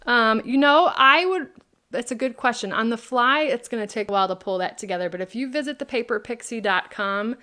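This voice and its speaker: A woman's voice: on the high side, brisk, pushed and bright. A woman hosting a live craft product demo, chatting and answering viewers' questions by name.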